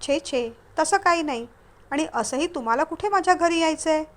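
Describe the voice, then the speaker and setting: A woman's voice: sits high, expressive, normal speed. A woman voicing a witty young woman. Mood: teasing.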